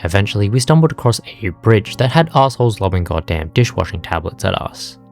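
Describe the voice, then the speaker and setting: This is a young man narrating a scripted gameplay recap in a low voice that moves up and down freely. His humor is sarcastic and crude, and he delivers it with a deadpan edge. Soft background music runs under his voice. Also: brisk. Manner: sarcastic, profane, deadpan jokes. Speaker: gaming video narrator.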